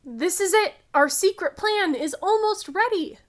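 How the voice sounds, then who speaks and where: A small young dinosaur from a storybook , read by a woman, speaks in a high voice. The little T-Rex is earnest and timid but trying to be brave, with slow, dramatic, simple phrasing. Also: lively intonation. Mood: hopeful.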